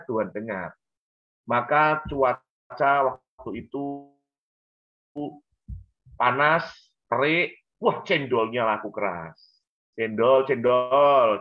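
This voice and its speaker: A man, telling a lively story with acted-out voices on a church talk show. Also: mid-range voice. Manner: animated, acts out voices in his story. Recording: dull lo-fi sound.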